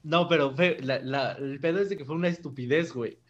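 A man's voice: a little high, brisk, lo-fi sound, soft background music. A young man with a Mexican accent, co-hosting a casual podcast, joking and laughing often as he tells stories. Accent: Mexican Spanish. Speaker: podcast co-host. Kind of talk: casual chat.

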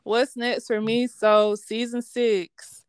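Young woman, podcast host as guest: slangy, candid, smooth clear tone, close dry mic. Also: on the high side, slow pace, dry recording. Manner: candid, slangy, animated storytelling. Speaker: sports podcast host being interviewed. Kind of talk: casual interview.

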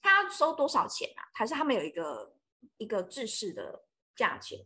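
A woman's voice: fairly high pitch, wildly swooping pitch, normal speed, bright, forceful tone, husky. A woman, chatting casually on a podcast and asking curious questions.

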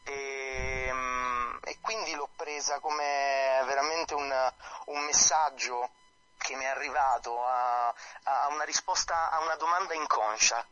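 A man speaking as a guest author on a radio show over a phone line, talking in a hesitant, halting way with many fillers. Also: mid-range voice, steady tone, bright, forceful tone. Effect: heard over a phone line. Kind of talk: live radio interview by phone.

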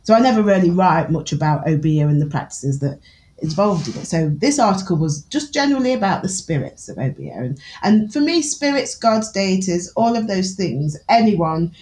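A woman's voice: fairly low pitch, sing-song, normal speed, darkish tone, poor audio. A woman with a Newark accent from the English East Midlands, talking frankly and casually as a podcast guest, swearing freely and laughing often. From England. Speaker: podcast guest, author and Obeah practitioner. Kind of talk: casual conversational interview.

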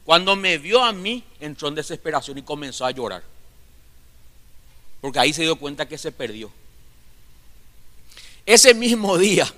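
A man's voice: fairly high pitch, normal speed, long pauses, pushed and bright. A man preaching as a pastor, fervently calling his listeners brothers and pressing them with rhetorical questions during a church sermon. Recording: long reverb of a large church hall.

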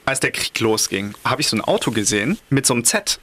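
A young man co-hosting a casual podcast chat, animated and joking, acting out little quotes. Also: medium pitch, fast talker. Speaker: podcast co-host.

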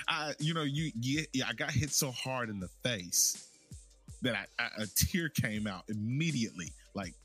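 A man's voice: mid-range voice, animated, measured pace, pushed and bright, faint music behind. A man casually telling a long personal story about his work, rambling with restarts and repeats. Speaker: storyteller recounting work life.

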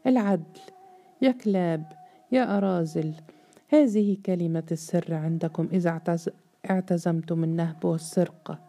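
A woman voicing a furious, contemptuous male estate overseer who shouts insults and interrogates sharply. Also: on the low side, steady tone, brisk. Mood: enraged.

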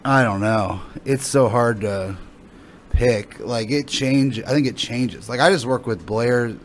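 A man's voice: mid-range voice, measured pace, slight background noise. A male comedian being interviewed in a casual podcast chat, thinking aloud in rambling, sweary sentences. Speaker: stand-up comedian guest.

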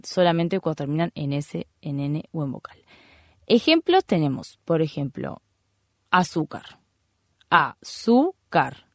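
A woman hosting a radio segment and patiently explaining grammar, slowing down to repeat her examples. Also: lowish voice, darkish tone, no echo, studio quality. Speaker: radio host.

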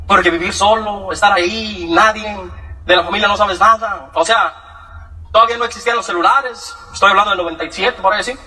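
A man with a very high, bright voice tells his life story at a fast clip. He is animated, slips into other people's voices and laughs a lot. The mic sits some way off, so he sounds a little distant. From Michoacán, Mexico. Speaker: testimony speaker. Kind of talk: personal testimonial storytelling.

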